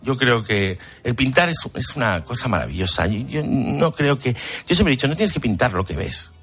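A man, a painter chatting as an interview guest and telling lively anecdotes. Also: mid-range voice, normal speed, slightly rough, faint music behind. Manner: animated, laughing anecdotes. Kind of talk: casual interview storytelling.

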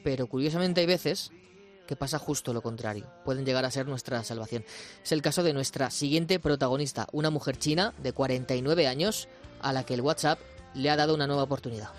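A man's voice: mid-range voice, brisk. Man, radio news presenter, scripted storytelling, faint background music.

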